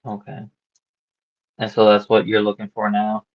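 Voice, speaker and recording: A man cold-calling a homeowner about buying her house, talking casually and haltingly with lots of fillers and restarts, heard over a phone line. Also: fairly low pitch, completely flat delivery. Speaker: real estate wholesaler cold-calling a seller. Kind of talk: casual sales phone call. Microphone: phone call. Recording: dull lo-fi call recording.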